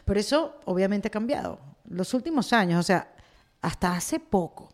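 A woman with a Venezuelan accent hosting a podcast interview, chatty, expressive and playful, recorded in a studio. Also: mid-range voice, normal speed. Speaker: podcast host. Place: studio in a coworking space.

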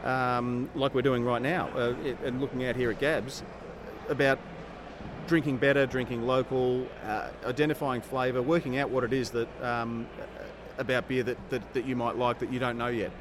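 An Australian man co-hosting a podcast in a hesitant, wry, self-deprecating way, on a low-quality location recording. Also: little pitch movement, moderate pace, noisy background. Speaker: podcast co-host. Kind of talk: casual chat. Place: above the floor of a festival hall.

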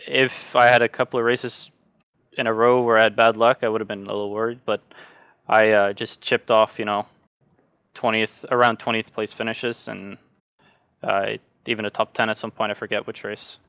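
A man's voice: lowish voice, clean tone, dry recording, highs cut off. A young man from Norway, a sim racing driver, talking casually as a podcast guest with lots of fillers and restarts. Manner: relaxed, halting, many fillers and restarts.

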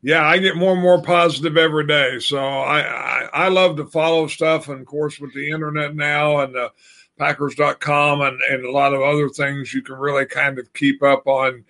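A man's voice: on the high side, fairly even intonation, moderate pace, pushed and bright. An older man, the host's father, talking sports casually and rambling with many fillers and restarts. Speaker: podcast guest.

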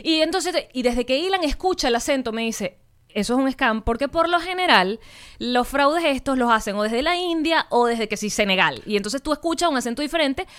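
A Venezuelan woman hosts a casual podcast chat and rattles off her stories at a fast clip. Her voice sits fairly high, and her delivery is animated and slangy. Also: clear, resonant tone. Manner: animated, rapid storytelling with slangy asides. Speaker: podcast host.

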